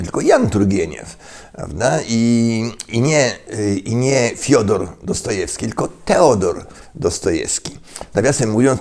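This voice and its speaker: An older man giving a lecturing monologue, halting with fillers and restarts and tossing in rhetorical questions. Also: on the low side, darkish tone. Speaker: political commentator.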